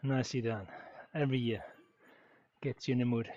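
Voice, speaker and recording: Mid-ride on an indoor bike, a German streamer casually fields viewer questions, easygoing and full of fillers as he thinks aloud. His medium-pitched, darkish voice holds a steady tone and moves a little fast. German is his native language; the recording is dry, dull lo-fi with no room sound.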